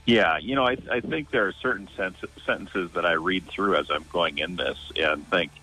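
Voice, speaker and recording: A man in his forties chatting on a radio show and reading scripture, thoughtful and halting, with frequent restarts. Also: low-pitched, bright, forceful tone, husky, soft background music, poor audio. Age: 40s. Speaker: pastoral commentary writer and co-host.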